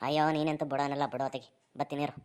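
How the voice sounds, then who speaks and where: Woman doing cartoon village guy, deep voice, fast and grumbly. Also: flat delivery, darkish tone, clean tone, lightly acted. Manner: rapid rustic dialect, exasperated. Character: grumbling broke village man.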